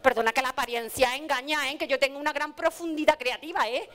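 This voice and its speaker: Woman playing a fussy, very high-voiced cleaning lady. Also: fast, noisy background, close to an everyday voice. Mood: coaxing. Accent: Andalusian Spanish. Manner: bossy, fussing, repeats herself. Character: fussy, chatty female park cleaner. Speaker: stage actor. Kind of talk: live comic stage acting. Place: outdoor garden stage.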